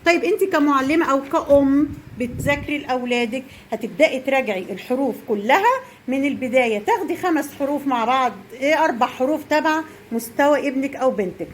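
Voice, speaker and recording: A woman's voice: sits high, lively intonation, fast talker, a little hiss or hum. A young woman teacher with an Egyptian accent, quizzing and praising small children while explaining to parents. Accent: Egyptian Arabic. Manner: encouraging, quizzing and praising pupils.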